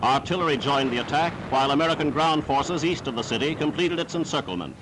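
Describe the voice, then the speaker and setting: A man's voice: fairly high pitch, animated, fast talker, over loud music, low-quality recording. A man reading scripted 1940s newsreel narration in a formal, declamatory manner on a period soundtrack.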